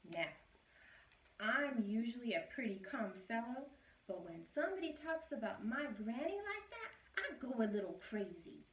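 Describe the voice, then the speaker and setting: A woman teacher reads a storybook aloud as a male wolf who insists he was framed, narrating in a chatty, wry, self-justifying manner that sounds aggrieved. Her voice is on the high side with big pitch swings, normal speed and a fairly bright tone. The distant mic picks up roomy echo and a little hiss or hum.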